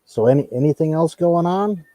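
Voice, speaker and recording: A man's voice: on the high side, lively intonation, moderate pace, warm tone, no echo, rough recording. A man hosting a live comics talk show in casual chat, easygoing and tending to repeat his words as he talks. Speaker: host.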